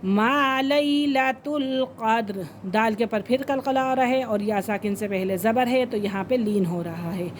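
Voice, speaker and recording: A woman teaching Quran recitation with tajweed, with an Urdu accent, chanting verses slowly and stretched out, then explaining the rules in quicker, lower speech. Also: a little mellow, slight background noise.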